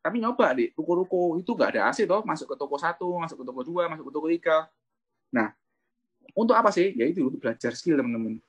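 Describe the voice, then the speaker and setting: Fast-talking husky man. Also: fairly high pitch, lively intonation. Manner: chatty, keeps addressing listeners as friends. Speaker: insurance agent. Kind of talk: motivational talk sharing his experience.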